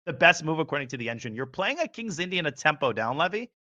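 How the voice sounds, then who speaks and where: A man calling live chess with a bright, forceful tone and a voice that swings up and down a lot. He sits a little high in pitch and reels off move after move as he analyzes. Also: big pitch swings, muffled recording. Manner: analytical, calls moves rapidly. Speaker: chess commentator.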